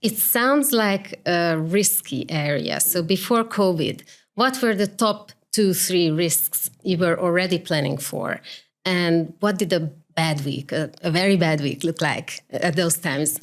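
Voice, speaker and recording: A woman's voice: fairly low pitch, measured pace. A woman hosting a podcast, reading a polished prepared introduction and asking interview questions. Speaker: podcast host.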